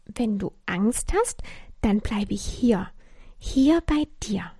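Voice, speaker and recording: A woman voicing a small, timid purple creature of fear in a bedtime story, in whispered role-play, talking hesitantly and softly. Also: on the high side, sing-song, slow, husky, dry recording, studio quality, heavily acted. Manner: hesitant, soft.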